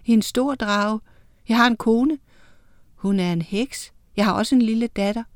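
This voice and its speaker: A woman voicing a schoolboy who turns into a huge male dragon, talking in a rumbling, booming way in a storybook reading. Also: no room sound, clean studio sound, natural voice. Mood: bewildered.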